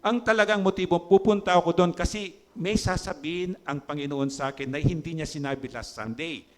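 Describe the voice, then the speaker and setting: A man preaching a sermon as pastor with a Filipino accent, animated and full of rhetorical questions, slipping into English phrases. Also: on the high side.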